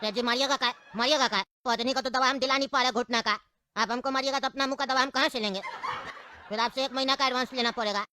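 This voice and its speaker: A woman in a comic sketch, pleading and making excuses, then arguing back loudly. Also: sits high, steady tone, fast, no echo. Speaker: comedy sketch actor.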